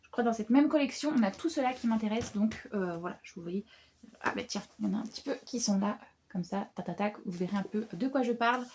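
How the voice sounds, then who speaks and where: A woman's voice: mid-range voice, fast, a little mellow, a little hiss or hum. A young woman chatting casually about her reading plans as a book vlogger, with many fillers and restarts. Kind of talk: casual book haul chat.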